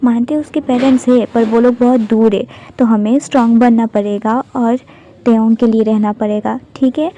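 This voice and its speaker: A woman's voice: a little high, fairly even intonation, normal speed, warm tone, highs cut off. A woman hosting a fan dub channel, greeting viewers in a chatty, consoling casual intro.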